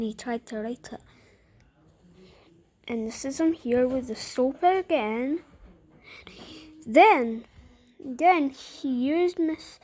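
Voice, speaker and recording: A woman reads a picture book aloud in a high voice, slow and unhurried. She keeps breaking off for playful, chatty remarks about the pictures. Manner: playful, chatty commentary between lines. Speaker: storybook reader.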